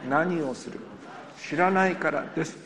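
A middle-aged male pastor preaching a sermon in a church, animated, swinging between loud emphatic lines and quiet asides. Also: a little high, moderate pace, a crowd in the background. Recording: long hall reverb.

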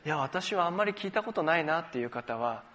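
A man delivering a church sermon in a slightly higher-than-usual voice. He explains scripture patiently, point by point, and invites the congregation to read along with him. He adds light, self-deprecating humor. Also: lively intonation, fast talker, pushed and bright. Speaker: pastor.

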